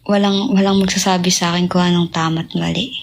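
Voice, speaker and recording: A young woman singer chatting casually with fans on a livestream, drifting between talk, sung snippets and soft whispers. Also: on the low side, little pitch movement, quick pace, creaky, slight background noise.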